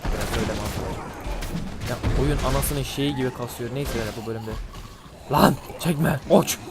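A man with a nasal, blocked-nose voice, casually commenting on a game he is playing, swearing and breaking into excitable outbursts. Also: mid-range voice, a little fast. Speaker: gameplay commentator. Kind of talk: casual let's-play commentary. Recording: gunfire and game music behind.

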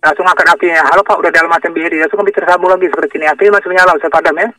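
Rapid-fire, insistent man over the phone. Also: on the high side, fairly even intonation, bright, forceful tone, far from the mic. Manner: insistent, repetitive, checking for understanding. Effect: heard over the phone. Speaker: phone scam caller. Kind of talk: fast, repetitive instructions over the phone. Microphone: phone call. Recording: phone call audio.

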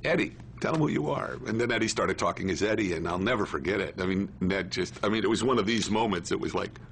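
A man's voice: low-pitched, fast talker, slight background noise. An older man, a film director, recounting stories in a documentary interview and quoting the people involved. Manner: animated anecdote-telling, quoting others.

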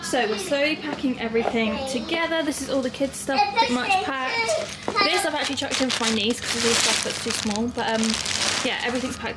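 A young woman with a high, bright voice talks through her day in a chatty, upbeat way, her words a little lispy from braces. She records into a handheld camera, and loud background noise runs under everything she says. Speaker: vlogger. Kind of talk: casual vlog chat.

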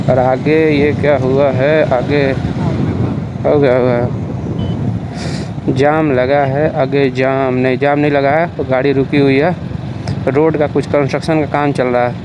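A young man talks his way through a motorcycle ride, rambling and chatty with plenty of fillers. His voice sits at an ordinary middle pitch. Loud wind and road traffic roar around the close helmet mic. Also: highs cut off. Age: young adult. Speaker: motovlogger. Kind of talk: casual vlog narration while riding. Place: on a motorcycle on an open road outdoors. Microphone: helmet-mounted mic close to the mouth. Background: wind, engine and passing vehicles.

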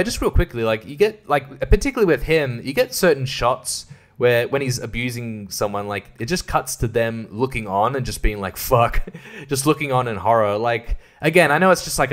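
A man talking loosely through a film review, full of fillers and swearing and breaking into laughs. His voice sits at an ordinary middle pitch but leaps up when something strikes him as absurd. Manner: rambling, profane, laughs often, many fillers; animated, jumps high in pitch for emphasis. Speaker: podcast host reviewing films. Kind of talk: casual monologue film review.

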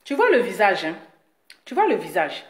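A woman talking straight to her viewers in a boastful, mocking rant, teasing her critic with drawn-out words and frequent laughs. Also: mid-range voice, huge pitch swings. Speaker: video blogger addressing her audience. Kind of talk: boastful direct-to-camera rant. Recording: echoey room.

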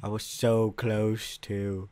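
Slow-talking young man raging at a game. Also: little pitch movement, warm tone, no echo. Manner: raging, swearing, voice cracking high when failing. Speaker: gamer. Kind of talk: Minecraft parkour gameplay commentary.

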